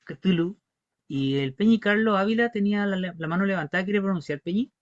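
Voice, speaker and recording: A man's voice: high-pitched, fairly quick, no room sound. A man with a Chilean accent teaching an online language class, patiently repeating words for pronunciation. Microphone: video call. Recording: dull, dry video call audio.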